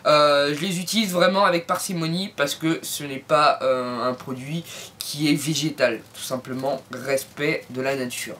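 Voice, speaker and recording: A woman's voice: low voice, normal speed, fairly bright tone, slight background noise. A woman reviewing beauty products in a casual vlog from home, talking to viewers with playful, jokey asides. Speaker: beauty vlogger.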